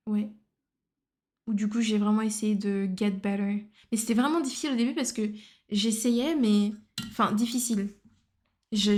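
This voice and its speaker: Here an art livestreamer with a dark, medium-pitched voice keeps up casual chat during a drawing stream. English phrases pop up in her speech, and she mumbles to herself while working.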